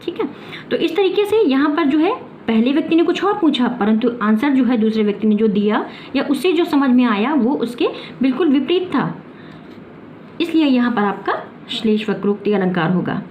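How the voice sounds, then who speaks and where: A woman's voice: high voice, animated, moderate pace. A woman teaching a grammar lesson, explaining step by step and answering her own questions. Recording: muffled with clear background noise.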